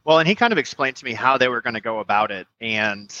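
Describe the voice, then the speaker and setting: Bright-voiced man on a dull lo-fi mic. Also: medium pitch, animated, quick pace. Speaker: crypto podcast co-host. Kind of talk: casual chat.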